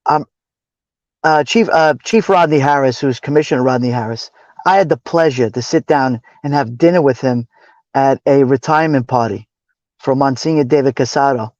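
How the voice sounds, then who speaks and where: A man from New York City, raised in Brooklyn and speaking with a Brooklyn accent, co-hosts a livestream as moderator and cameraman, chatting casually and earnestly and repeating phrases for emphasis. His mid-range voice is a little mellow at a moderate pace, with no room sound and the highs cut off.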